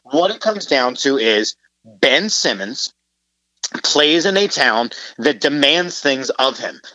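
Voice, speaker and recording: A man's voice: medium pitch, animated, takes it slowly, sharp tone, dry recording, highs cut off. A man calling in as a guest on a sports talk show, talking in a sarcastic, emphatic way. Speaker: guest podcaster. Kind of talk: casual sports chat. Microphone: phone call.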